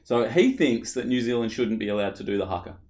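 A man's voice: medium pitch, lively intonation, quick pace, a little mellow. A man hosting a podcast, steering casual chat and laughing easily. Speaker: podcast host.

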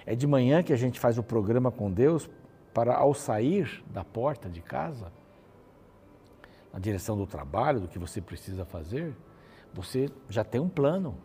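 A man's voice: mid-range voice, dark tone. A man gives a devotional Bible commentary in a conversational way, repeating phrases and often adding a questioning tag. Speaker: Bible teacher.

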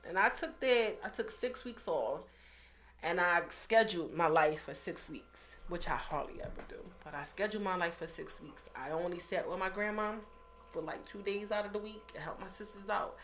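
A woman in her thirties, telling her own story in a casual interview, candid and animated, often acting out what others said. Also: fairly low pitch, moderate pace, a little hiss or hum. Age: 30s. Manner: candid, animated, acts out quoted voices. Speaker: guest.

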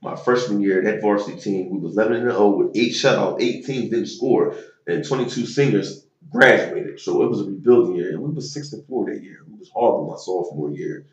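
A man in his thirties telling stories about his high school football days in a loose, slangy way with lots of fillers. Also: brisk, reverberant, dull audio. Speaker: interview guest, former football player. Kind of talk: casual storytelling interview.

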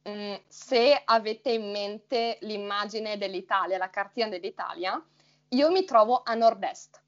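A woman's voice: medium pitch, a little slow, lo-fi sound. A young woman with a fairly neutral northern Italian accent, chatting casually and explaining things by rephrasing them. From Friuli Venezia Giulia, north-east Italy. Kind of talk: casual chat about languages.

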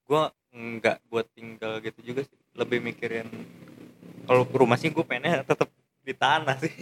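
A man's voice: mid-range voice, fairly even intonation, moderate pace. Young man, dry teasing co-host, slight background hiss. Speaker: podcast co-host. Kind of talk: casual chat.

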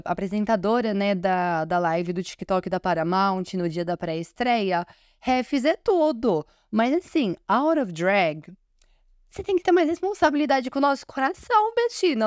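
A woman's voice: mid-range voice, darkish tone, clean tone, no echo, clean studio sound. A woman podcast host with a Brazilian Portuguese accent, chatting in an effusive, gushing fan recap full of fillers. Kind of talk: casual fan recap commentary.

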